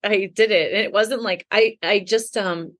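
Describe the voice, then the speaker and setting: A woman's voice: mid-range voice, fairly even intonation, fairly bright tone. Chatty woman podcast host. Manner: chatty, affirming, quick "yep"s. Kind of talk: casual interview chat.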